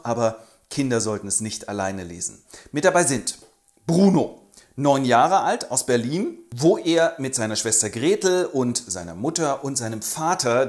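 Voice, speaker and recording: A man narrating a playful book summary, acting out every character himself. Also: medium pitch. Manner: animated storytelling, acting out all the characters.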